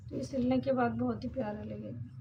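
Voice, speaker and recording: Brief: middle-aged woman, high pitch, patient step-by-step sewing tutor, dull lo-fi recording, faint hiss. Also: fairly even intonation, brisk. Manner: explains step by step, often checks with "ठीक है?". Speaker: sewing instructor. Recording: dull lo-fi sound.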